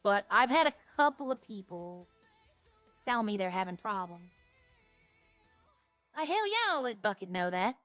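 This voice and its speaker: A woman's voice: medium pitch, very animated, unhurried, pauses often, a bit bright, dry recording, soft background music. A woman game streamer talking casually and informally to her viewers, rambling from one thing to the next.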